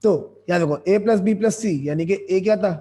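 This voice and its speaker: Hoarse male math teacher. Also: high voice, normal speed, dark tone. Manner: explains step by step with repeated questions to students. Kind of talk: online math lesson.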